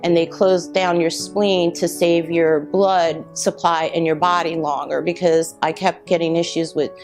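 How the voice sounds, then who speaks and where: A middle-aged woman telling her own cancer survival story, reflective and halting with many pauses. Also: fairly low pitch, little pitch movement. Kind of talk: personal testimony. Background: soft guitar music.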